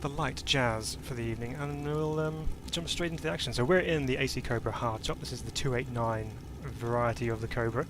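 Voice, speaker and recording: A man's voice: medium pitch, brisk, hardly any pauses, noisy background. Upbeat man commentating his sim race. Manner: chatty, upbeat, many fillers. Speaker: sim racing streamer. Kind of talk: live-stream commentary while racing. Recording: jazz music playing behind.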